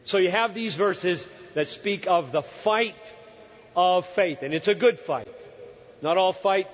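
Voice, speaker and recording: A man's voice: high-pitched, a little slow. Earnest older man preaching in a hall. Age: 60s. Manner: earnest, emphatic, stops to search for words. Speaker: pastor. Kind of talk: sermon. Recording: dull hall recording with long reverb.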